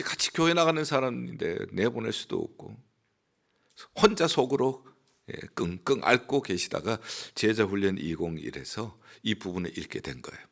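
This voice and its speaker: A male pastor preaching a sermon, telling a story with lively rises and drops in his voice. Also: vocal fry. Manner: animated storytelling with dramatic rises in pitch and volume.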